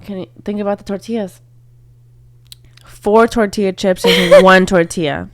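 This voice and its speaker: A woman's voice: mid-range voice, normal speed. A young woman co-hosting a podcast in casual chat, teasing and swearing freely. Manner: teasing, swears freely, lively rise and fall. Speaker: podcast co-host.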